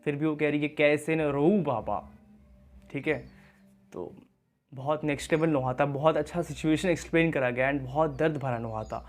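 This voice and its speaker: A young man gives casual commentary as a reaction-video host. He often drops English words into his speech. His voice sits a little high. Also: steady tone, normal speed. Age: young adult.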